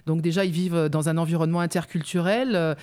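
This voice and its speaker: A woman with a lowish, dark voice talks fast in a steady tone. She is a youth mobility officer appearing as a guest on local radio, explaining her work at length in an interview and hesitating a great deal.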